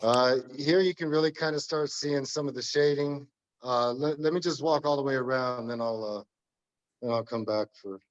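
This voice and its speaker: A man with a slightly hoarse voice, talking casually and haltingly as a tile installer walking someone through his work. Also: medium pitch, muffled recording. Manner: hesitant, halting. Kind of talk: casual informal walkthrough talk.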